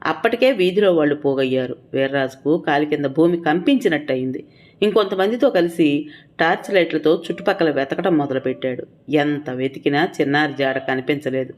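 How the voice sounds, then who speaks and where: A woman with a notably low voice narrates an audio story. Her storytelling is steady and earnest, read from a script. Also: brisk.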